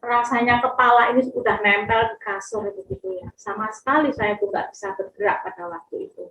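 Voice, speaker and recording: A woman's voice: a little high, fairly quick, sharp tone, roomy sound, dull audio, a little hiss or hum. A middle-aged woman telling a personal testimony with emotion, often addressing listeners directly. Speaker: testimony speaker.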